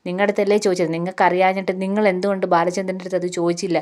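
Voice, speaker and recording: A woman's voice: lowish voice, flat delivery, very fast, darkish tone, lightly acted. A woman voicing an angry, suspicious middle-aged woman who fires accusing questions at her family. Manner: indignant, demanding questions.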